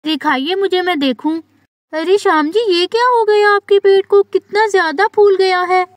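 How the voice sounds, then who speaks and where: A woman's voice: extremely high pitch, moderate pace, no echo. A woman voicing a young village wife in a doll story, fussing and reassuring her sick husband. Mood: worried. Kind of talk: doll story role-play.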